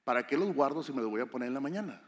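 A man preaching a sermon as a pastor, lively and asking the congregation questions. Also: mid-range voice, very fast. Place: church hall. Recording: long hall reverb.

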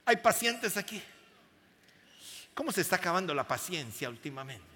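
A man's voice: high voice, very animated, normal speed, sharp tone, slightly rough. A man preaching a sermon to a congregation, emphatic and full of questions to the crowd. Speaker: pastor. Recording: long hall reverb.

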